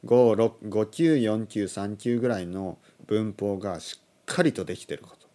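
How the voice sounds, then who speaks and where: A man in his thirties teaching on a casual podcast, animated, chuckling, and correcting his own phrasing aloud. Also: fairly low pitch, normal speed. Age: 30s. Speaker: Japanese language teacher, podcast host.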